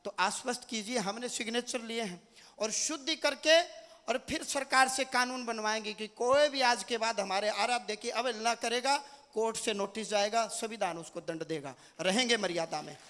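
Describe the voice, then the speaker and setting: Haryanvi preacher, man, very high and bright voice, fervent declamatory delivery, long hall reverb. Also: normal speed. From India. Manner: fervent, declamatory, rising to loud peaks. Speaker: religious leader. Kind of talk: impassioned religious speech. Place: hall at a gathering.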